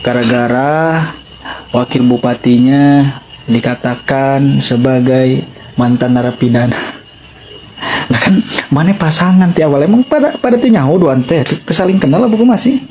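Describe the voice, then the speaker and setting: A man's voice: mid-range voice, moderate pace, a little mellow, a little hiss or hum, rough recording. A man from Banten with a Sundanese accent, giving exasperated, slangy commentary in a casual vlog. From Banten, Indonesia. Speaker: video commentator.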